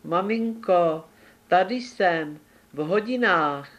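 Little goat kids in a storybook, their voices pushed up high and piping, insistent and easily scared, as a male narrator puts them on. They sound lively and small.

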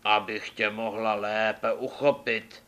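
A man voicing a sly, scheming male wolf in a fairy tale, speaking in a coaxing, drawn-out way. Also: lowish voice, little pitch movement, pushed and bright.

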